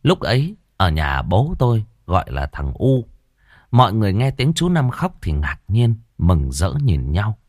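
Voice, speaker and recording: Male storyteller for a ghost tale; lowish, very animated pitch, dry booth. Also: measured pace, no room sound. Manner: expressive, rises and falls dramatically.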